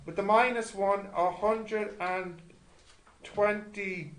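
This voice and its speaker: In an indoor tutorial room with students, a man tutors maths informally, thinking aloud through sums, poking fun at himself, and often asking checking questions. His high voice is steady and fairly bright, and he speaks slowly. The room is echoey with noticeable noise.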